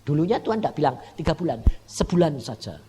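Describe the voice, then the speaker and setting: A man preaching a sermon in a Javanese accent, telling stories animatedly, swinging between loud bursts and hushed asides. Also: fairly high pitch, sing-song, quick pace, big-room sound, slight background noise. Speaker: evangelist preacher.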